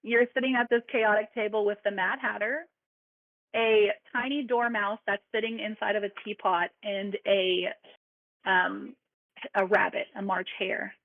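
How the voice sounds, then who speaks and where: A woman's voice: mid-range voice, little pitch movement, unhurried, no echo. A woman narrating a tabletop game as dungeon master, playful and laughing, with frequent fillers. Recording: dry, phone-like sound.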